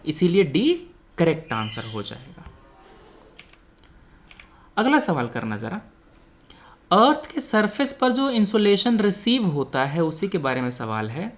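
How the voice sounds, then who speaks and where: A man teaches an exam coaching lesson as an explanatory lecture with quiz questions, speaking Hindi mixed with English technical terms. He is didactic and frequently checks that learners follow. His voice is high-pitched with big pitch swings, slow, with frequent pauses.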